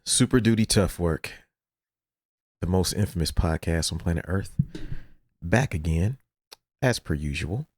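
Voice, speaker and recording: A man in his forties hosting a casual podcast chat, laid-back and quick to laugh. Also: low-pitched, lively intonation, a little mellow, no echo. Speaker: podcast host.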